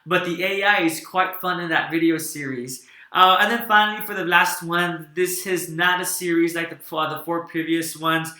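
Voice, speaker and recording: A man's voice: on the high side, steady tone, normal speed, sharp tone, roomy sound. A man giving a casual, enthusiastic video game review, rambling with fillers and restarts.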